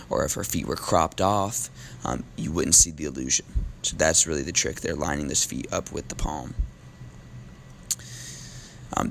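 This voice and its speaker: While losing his voice, a deep-voiced man teaches a recorded classroom lesson in a relaxed, casual manner, using lots of ums. A slight hiss or hum runs under the recording.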